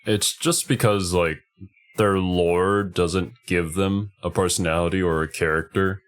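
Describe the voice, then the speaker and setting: A man's voice: sits low, steady tone, measured pace. A man streaming casual reaction commentary, thinking aloud a little hesitantly as he goes.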